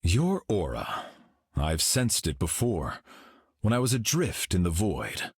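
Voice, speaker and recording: This is a golden cosmic hero for a video game, solemn and serene, speaking in a calm, grave way. His very low, husky voice rolls with lively pitch, and the slow, heavily acted delivery is recorded close and dry with no room sound.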